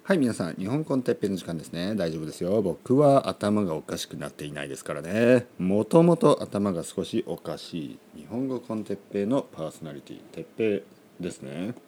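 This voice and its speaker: Playful, lively-voiced male podcast host. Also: sits low. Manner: playful and jokey, speaks slowly and clearly to learners. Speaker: podcast host teaching Japanese learners. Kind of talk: casual solo podcast talk.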